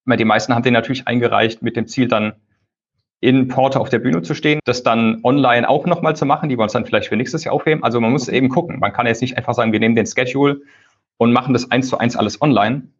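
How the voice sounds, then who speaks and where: A man being interviewed over a low-quality phone call, explaining things at length in a loose, conversational way. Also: quick pace, husky. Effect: low-quality phone call recording. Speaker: conference lead organizer, interview guest. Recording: dull lo-fi phone call audio.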